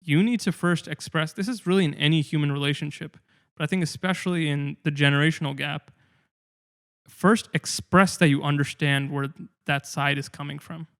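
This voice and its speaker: A man's voice: fairly high pitch, steady tone, normal speed, a bit bright, clear, resonant tone. A young man talking earnestly and reflectively in a casual discussion, with frequent fillers and restarts.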